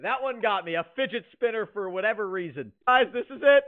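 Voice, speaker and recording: High-pitched, panicky scared horror game streamer guy. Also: animated, brisk. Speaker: gaming video host. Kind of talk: excitable horror game reaction commentary. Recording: tinny, phone-like, noisy audio.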